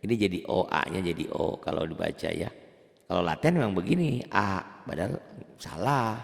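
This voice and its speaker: Gravelly Indonesian man teaching recitation. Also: animated, in a large hall. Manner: explains plainly, then chants Arabic examples slowly in a high voice; asks and answers his own questions. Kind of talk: beginner tajwid lesson.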